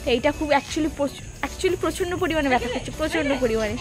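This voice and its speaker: A woman's voice: sits high, expressive, quick pace. A woman chatting casually to viewers in a family vlog, recorded on a phone held at arm's length. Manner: chatty, addresses viewers directly. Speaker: vlogger. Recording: loud street and traffic noise.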